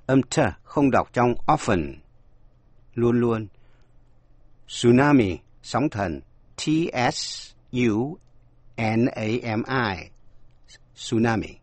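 A man's voice: mid-range voice, lively intonation, takes it slowly, no room sound. A man giving a scripted radio language lesson, explaining word meanings and spelling words out letter by letter. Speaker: language teacher.

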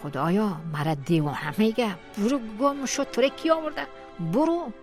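A woman voicing a feverish, furious elderly father who shouts and accuses. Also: a little high, soft background music, pitched above the performer's own voice, natural voice. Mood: raging.

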